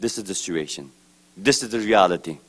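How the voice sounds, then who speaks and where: A low-voiced man from East Turkestan speaks at a press event, giving a formal, prepared speech. His pace is slow and deliberate, his emphasis strong, and his phrases drift off at the end.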